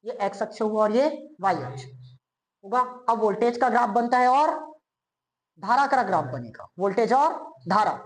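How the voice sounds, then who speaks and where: A male physics teacher giving a classroom lecture. He keeps asking quick checking questions and answers them himself, and he repeats key terms slowly. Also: high-pitched, animated. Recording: roomy echo, as if in a bare classroom.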